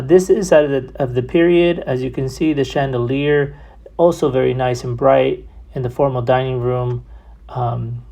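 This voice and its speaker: Real estate agent for home tour: gravelly, relaxed voice, complimentary but halting, unscripted delivery. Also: medium pitch. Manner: complimentary sales talk. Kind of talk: property walkthrough narration, casual and unscripted.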